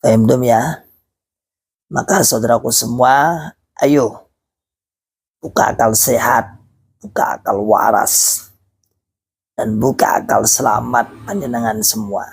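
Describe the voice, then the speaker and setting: Hoarse man preaching. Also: mid-range voice, fairly even intonation, slow, pauses often. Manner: fervent, urging, repetitive. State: hoarse, recovering from illness. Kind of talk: preaching talk to followers.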